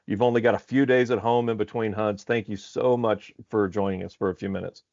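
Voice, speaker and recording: Male podcast host from Alaska, low-ish voice, upbeat rambler, dry dull sound. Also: fairly even intonation, a little fast, creaky, darkish tone, dry recording. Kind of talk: casual podcast interview. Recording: slightly dull lo-fi audio.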